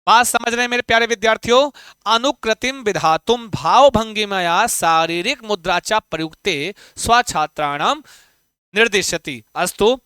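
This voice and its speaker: A man teaching Sanskrit in an exam-prep lesson, coaxing his students with questions and chanting verse slowly. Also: high voice, sharp tone, clean tone, no echo.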